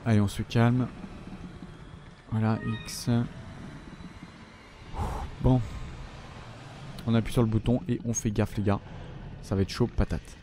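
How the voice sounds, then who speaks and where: A man's voice: on the low side, little pitch movement, takes it slowly, long pauses, noisy background. French man muttering over a game. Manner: talks to the game enemy, swears a lot, mutters to himself. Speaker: gaming video host. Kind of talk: let's play commentary.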